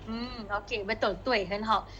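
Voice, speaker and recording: A woman's voice: a little high, steady tone, unhurried, a bit bright, muffled recording, a little hiss or hum. A woman with a Malaysian Malay accent teaching a Mandarin class, coaxing students and modeling the tones as she mixes languages.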